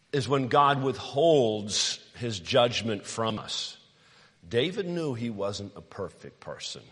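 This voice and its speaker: A middle-aged male pastor preaching a sermon, animated, telling stories and asking the congregation questions. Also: fairly low pitch, breathy edge. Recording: long hall reverb.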